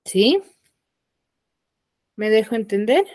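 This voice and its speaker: A secondary school language teacher teaches an online class over a video call, heard through a computer mic in a dry recording. Her fairly high, sing-song, slightly mellow voice stays patient and explanatory, and she constantly checks that students follow with short, quick questions.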